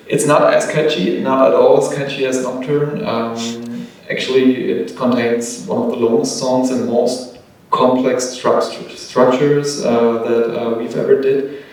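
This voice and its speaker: A man answers in English in a measured, steady way, pausing with fillers. His voice stays flat in pitch and sounds distant, in a hall that echoes heavily. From Germany. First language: German. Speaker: band member, guest. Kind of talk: casual panel interview.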